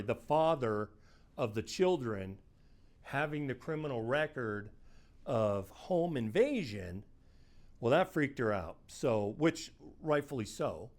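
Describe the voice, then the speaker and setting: A man's voice: medium pitch, a little mellow. A middle-aged man, a private investigator, telling one of his cases in a casual, conversational first-person way. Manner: conversational, quotes people in his story, plain-spoken. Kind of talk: first-person case storytelling.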